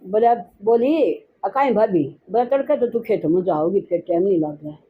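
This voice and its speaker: A woman's voice: medium pitch, normal speed. A woman with a Haryanvi accent retells a true village story in casual chat. She keeps quoting what people said and repeats fillers as she goes. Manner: animated retelling full of quoted speech and repeated fillers. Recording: dull lo-fi recording with faint noise.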